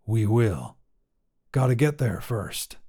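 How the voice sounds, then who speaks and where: A man's voice: lowish voice, big pitch swings, slow, vocal fry, dark tone, slightly rough, exaggerated voice. A man voicing a dry, dependable sidekick. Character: dependable, wry male accomplice.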